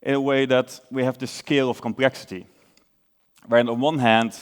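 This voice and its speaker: In a clean tone at medium pitch and normal speed, a young Dutch-accented man from the Netherlands presents a conference talk. His manner is easygoing and explanatory, sprinkled with fillers and self-corrections.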